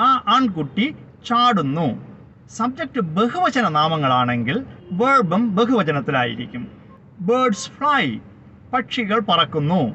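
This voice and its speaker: A man teaching a slow, explanatory grammar lesson, spelling words out letter by letter and giving each translation. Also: high voice, sharp tone. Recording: slightly dull lo-fi recording with faint background noise.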